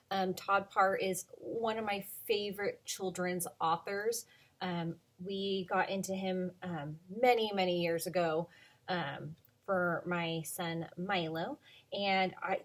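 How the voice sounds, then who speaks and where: A preschool teacher in her thirties reads a picture book aloud to children, her fairly low voice gentle and sing-song, with plenty of ums.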